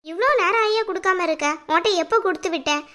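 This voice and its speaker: A woman's voice: extremely high pitch, fast talker, pushed and bright. A woman voicing an older, nagging mother-in-law in a cartoon. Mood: scolding. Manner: nagging, scolding. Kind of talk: cartoon voice acting.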